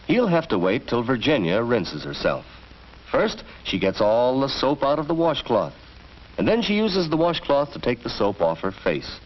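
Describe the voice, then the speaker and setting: An American man reads a script narrating a 1940s educational film, instructive and storytelling in manner, with a medium-pitched, very animated voice at normal speed. The vintage film soundtrack sounds dull and carries faint noise.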